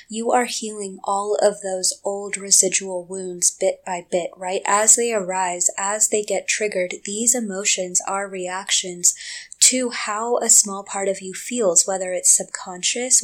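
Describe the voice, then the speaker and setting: A young woman giving a gentle, reassuring talk on emotional healing, speaking straight to the listener. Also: mid-range voice. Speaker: self-help speaker.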